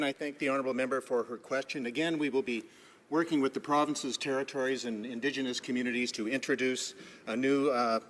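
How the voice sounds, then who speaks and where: A man giving a formal parliamentary answer as a government representative, halting and repeating words as he goes. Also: mid-range voice, a bit bright. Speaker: parliamentary secretary. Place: large legislative chamber. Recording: reverberant hall, faint noise.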